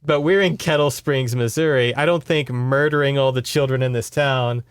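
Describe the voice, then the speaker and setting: This podcast host speaks at normal speed in a medium-pitched voice with fairly even intonation and a clean tone. Recapping a horror novel casually, he adds sarcastic, exasperated asides full of swearing. It's studio quality with no echo.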